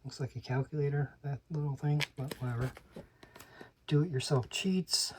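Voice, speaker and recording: A man's voice: a little high, normal speed, a little hiss or hum. A man flipping through an old magazine, reading ad slogans aloud and adding dry, muttered asides, sometimes dropping to a whisper. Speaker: channel host. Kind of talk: casual commentary while paging through a magazine.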